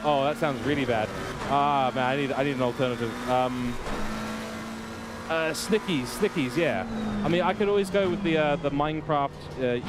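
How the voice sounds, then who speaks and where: Rambling man chatting over race car noise. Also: mid-range voice. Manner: rambling, jokey, self-correcting. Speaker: sim racing streamer. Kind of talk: casual chat while racing.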